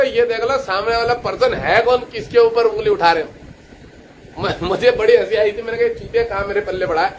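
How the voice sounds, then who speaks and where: A man with a high voice gives a casual astrology lecture. He brags and swears freely, and he tells his stories with lively scorn. A faint noise sits under his voice. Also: rough recording. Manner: boastful, crude and swearing, telling anecdotes. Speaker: astrologer and teacher. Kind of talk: casual lecture-style monologue.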